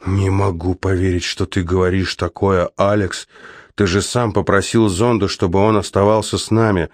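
A man's voice: low-pitched, level tone, normal speed, no room sound, studio quality, natural voice. A man reading the part of a young woman companion, earnest and pleading, in an audiobook.

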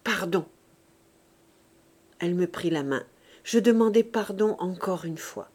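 A woman narrating an audiobook in a measured, expressive way. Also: fairly low pitch. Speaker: audiobook reader.

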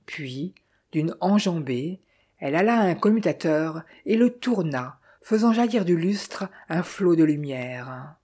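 A woman reading a novel aloud as narrator, in a measured, clear way. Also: low voice, expressive, mellow. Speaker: audiobook narrator. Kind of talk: scripted narration.

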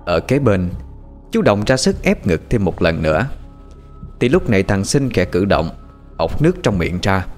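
A man narrating a scripted story in an animated, expressive way. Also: lowish voice, moderate pace, faint music behind.

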